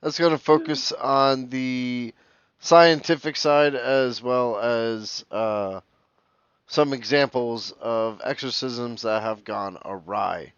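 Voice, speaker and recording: A man's voice: medium pitch, slow, clear, resonant tone, no echo. A man co-hosting a casual podcast, laid-back and giggly as he reads out plugs, on a slightly dull lo-fi mic with faint music behind. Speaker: podcast co-host.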